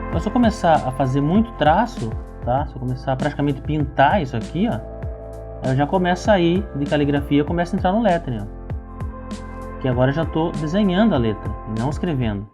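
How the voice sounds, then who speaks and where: A man's voice: on the high side, animated, a little fast, over music. A Brazilian man with a Brazilian Portuguese accent, teaching lettering and explaining while he demonstrates, often checking in with the listener.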